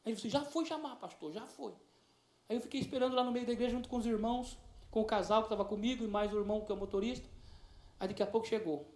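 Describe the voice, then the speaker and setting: A Brazilian man preaching a sermon as pastor, telling a story tenderly with many diminutives and then rising to loud, fervent preaching. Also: high voice, little pitch movement, rapid-fire. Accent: Brazilian Portuguese. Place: church sanctuary. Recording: echoey church sound.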